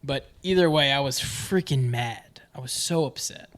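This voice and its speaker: A young man on a laid-back podcast rambles through a story from his school days. He stumbles, backs up and starts his sentences over, and he speaks at an even, middling pitch. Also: normal speed. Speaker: podcast co-host. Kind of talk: casual chat.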